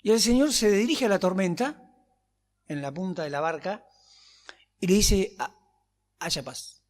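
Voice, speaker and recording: A man's voice: sits high, lively intonation, normal speed, a little mellow. A man with a Rioplatense Spanish accent preaching a sermon, reading scripture and telling stories with humorous asides. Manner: conversational storytelling with humorous asides. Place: church hall. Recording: long church reverb.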